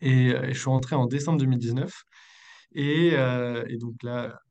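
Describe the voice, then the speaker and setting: A man in his thirties, an entrepreneur on a podcast, tells his story in a casual, informal way with a bit of hesitation. His mid-range voice is gravelly and a little mellow, with fairly even intonation and a moderate pace. The recording sounds dull.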